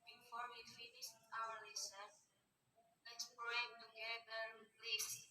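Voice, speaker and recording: Flat, bright young woman from afar. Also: fairly high pitch, takes it slowly. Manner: leads class prayer in flat recited tone. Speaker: student. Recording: distant echoey classroom with faint music.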